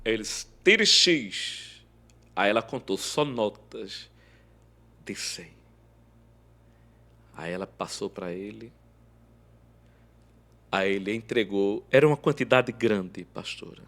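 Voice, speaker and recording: A man's voice: takes it slowly, pauses often. A man telling an emotional faith testimony as a podcast guest, acting out every quoted line of dialogue. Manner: animated, acts out quoted dialogue with big swings in pitch and loudness.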